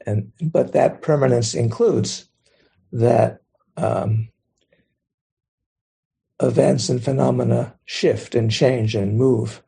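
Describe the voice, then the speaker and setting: A man, a Zen teacher, giving a gentle, thoughtful dharma talk and taking questions. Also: mid-range voice, steady tone, takes it slowly, creaky, long pauses, breathy edge.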